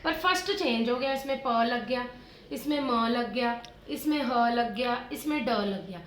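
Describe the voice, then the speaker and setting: A woman teacher giving a phonics lesson to young children, sounding out rhyming words slowly and repeating them in drills. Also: fairly high pitch, echoey room, slight background noise. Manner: slow, drawn-out word drills addressed to children as "beta". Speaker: primary school teacher.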